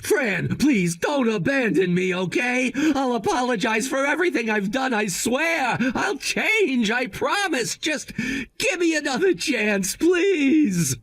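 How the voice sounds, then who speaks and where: A man's voice: very high-pitched, big pitch swings, slow pace, a bit bright, exaggerated voice. A man playing a disgraced, self-pitying husband in a dramatized story, whiny, defensive and desperate. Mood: desperate pleading.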